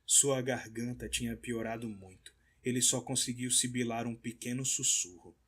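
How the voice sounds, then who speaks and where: A man narrating an audiobook in a measured, somber reading. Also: mid-range voice, fairly even intonation, fairly bright tone, slightly rough. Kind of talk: scripted narration.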